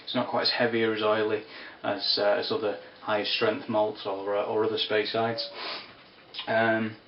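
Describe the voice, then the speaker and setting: A man giving a casual spoken whisky review, unhurried and descriptive with wry asides. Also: on the low side, completely flat delivery, slight background noise. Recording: roomy, distant, dull lo-fi sound.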